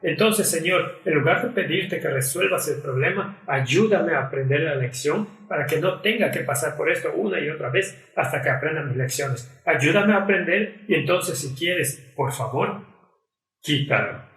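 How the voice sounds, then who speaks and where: A man delivers an earnest sermon in a somewhat high voice, acting out prayers and complaints as he goes. He is heard from some distance off the mic. The sound rings around an echoey church hall. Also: expressive, moderate pace, a bit bright. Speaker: preacher.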